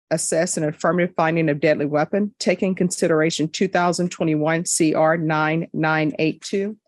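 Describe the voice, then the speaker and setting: A woman's voice: low-pitched, darkish tone, no echo. A woman judge speaking firmly and directly at a courtroom hearing, addressing defendants. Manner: firm, measured, direct.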